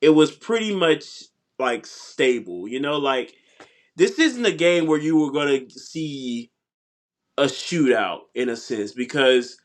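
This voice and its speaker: A man's voice: mid-range voice, expressive. Congested man co-hosting a sports podcast. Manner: halting, many uhs and ums. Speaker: podcast co-host. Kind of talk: casual sports chat.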